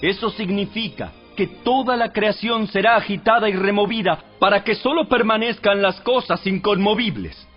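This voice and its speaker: A man narrating a dramatized audio Bible from a script in a solemn, measured, exhorting manner. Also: high-pitched. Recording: dull radio-like sound with music behind. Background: music.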